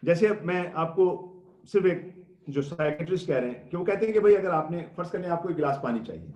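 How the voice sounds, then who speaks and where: A man's voice: fairly high pitch, animated, a little mellow, echoey room, dull audio. A man giving a religious lecture, explaining patiently, asking rhetorical questions and answering them himself, with English words mixed in. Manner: mixes English words into speech. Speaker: religious scholar giving a Ramadan talk.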